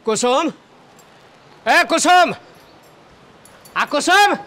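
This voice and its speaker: An actor with a very high, sharp voice plays a grumbling, hungry old village farmer in a village comedy. Speaking at a moderate pace, the older character scolds his wife and complains.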